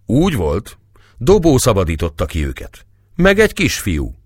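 A man's voice: lowish voice, huge pitch swings, husky, dry recording, studio quality, pitched above the performer's own voice, exaggerated voice. A man voicing an army lieutenant who questions urgently, in a read novel. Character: stern male army lieutenant.

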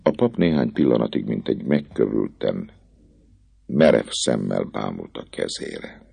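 A man narrating an audiobook with a dramatic, expressive reading. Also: a bass voice, creaky, husky, no room sound.

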